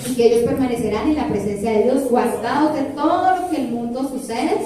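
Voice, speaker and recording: A high-pitched woman preaches to her congregation, lively and playful, sometimes singing her lists. Her voice is mellow rather than bright. It comes from a distance in a very echoey church hall. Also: brisk. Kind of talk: sermon. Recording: very echoey hall, far from mic.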